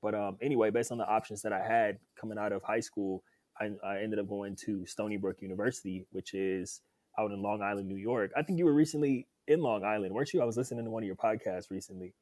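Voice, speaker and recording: Speaking fast in a fairly low, steady, darkish voice, this young man shares his story as a podcast guest who once played football. He comes across chatty and upbeat, laughing readily, in a casual interview captured on a dry recording.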